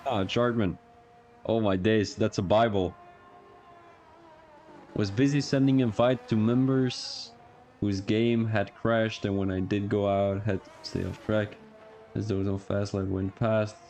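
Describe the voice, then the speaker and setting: A young Belgian man with an Antwerp Flemish accent commentates a racing livestream in a lowish, steady, darkish voice, speaking unhurriedly over faint music. He chats casually and rambles, chuckling and correcting himself along the way.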